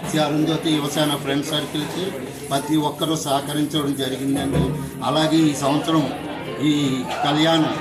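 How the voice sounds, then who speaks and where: A man from a temple committee speaks in a measured, formal way, his voice flat and slightly high. A loud crowd fills the background, and the echo is strong. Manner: measured, formal talk with polite endings. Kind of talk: interview remarks to a reporter.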